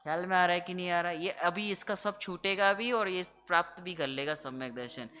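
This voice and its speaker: A man's voice: high-pitched, moderate pace, pushed and bright, smooth. Man teaching scripture, asking rhetorical questions. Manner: keeps checking if listeners follow, asking rhetorical questions; explanatory, mixes English words into his talk. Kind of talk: religious discourse to a seated audience.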